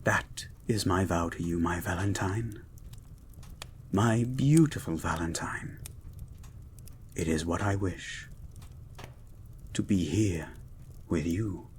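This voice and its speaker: A man voicing a gentle, learned mutant beast as a devoted lover, speaking in a slow, hushed, formal and ardent way in a romantic audio roleplay. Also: sits low, a little hiss or hum, voice pushed down. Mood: intimate, devoted. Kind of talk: romantic poetry reading and intimate audio roleplay.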